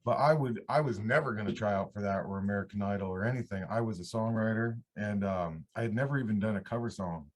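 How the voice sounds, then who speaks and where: A country singer-songwriter in his thirties from upstate New York tells his story as a guest in a casual interview. He talks fast in a lowish voice with hardly any pauses, rambling in a relaxed way and restarting mid-sentence.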